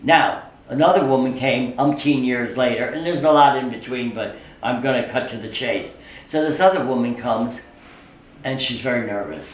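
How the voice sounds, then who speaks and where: Older male storyteller in an interview, animated and fond of voicing quotes, mic set well back in an echoey room. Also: medium pitch, normal speed. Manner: animated storyteller who acts out quoted speech, with frequent "uh" fillers. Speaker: psychic interviewee. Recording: roomy sound from a distant mic.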